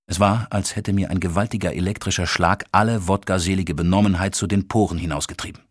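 A man narrating an audiobook in a calm, measured reading, lightly acting out the dialogue. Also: low-pitched, slightly rough, no echo, studio quality.

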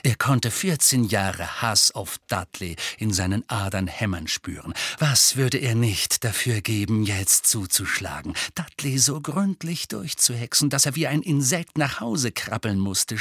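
A man reading a novel aloud with animated, expressive narration. His voice is bright with a husky edge, recorded close in a dry room. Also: medium pitch, unhurried, few pauses, no room sound. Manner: lively, expressive storytelling. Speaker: audiobook narrator. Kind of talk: scripted narration.

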